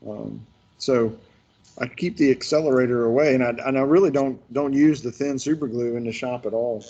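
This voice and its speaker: A man's voice: mid-range voice, moderate pace, mellow, dull audio. Rambling man teaching a workshop. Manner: rambling, folksy storytelling with restarts. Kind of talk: casual virtual workshop instruction.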